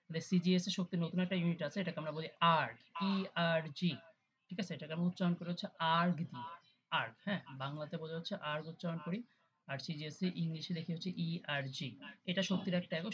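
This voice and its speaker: A tutor talks through an online class at an average pitch, switching into English terms and often asking if everyone is following. The voice comes over a video call. The sound is dull and lo-fi with a faint hiss underneath. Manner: conversational, often checks in with students; mixes English terms into explanations. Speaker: chemistry tutor.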